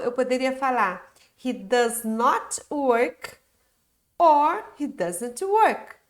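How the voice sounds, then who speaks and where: High, lively Brazilian woman teaching English. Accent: Brazilian Portuguese. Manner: explains patiently, switching between Portuguese and English; drills example sentences slowly and clearly. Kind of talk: video English grammar lesson.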